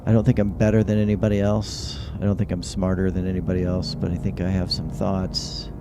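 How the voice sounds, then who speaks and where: A man's voice: sits low, flat delivery, fairly quick, background noise. A man hosting a casual late-night live stream in a rambling, conversational way, with whistling s sounds. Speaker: host of a live-streamed call-in show. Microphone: close handheld or stand microphone. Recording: music behind the voice. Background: background music.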